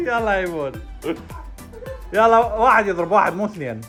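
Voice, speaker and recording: A woman running a family game, giving brisk orders and often laughing. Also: medium pitch, expressive, fairly bright tone, faint music behind. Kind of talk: casual family game calling.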